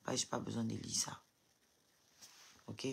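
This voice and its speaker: A husky-voiced woman speaks through tears into her phone on a live stream. She talks defiantly and hurls rhetorical questions at her viewers. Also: very deep voice, level tone, unhurried. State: crying. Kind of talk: emotional live stream rant.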